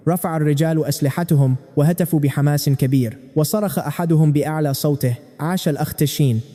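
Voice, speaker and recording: Fast dark-voiced male story narrator. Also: on the high side. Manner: steady, dramatic storytelling. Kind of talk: first-person scripted narration. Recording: long hall reverb.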